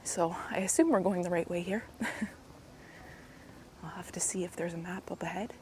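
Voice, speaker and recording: A woman, hoarse and a bit raspy from a cold, chatting casually as she walks through a park and vlogs on a handheld camera, often dropping into soft asides. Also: fairly even intonation, unhurried, whispered. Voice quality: raspy, slightly deep. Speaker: walking vlogger. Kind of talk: casual walking commentary. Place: outdoors in a park while walking. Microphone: handheld gimbal camera mic. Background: faint outdoor ambience.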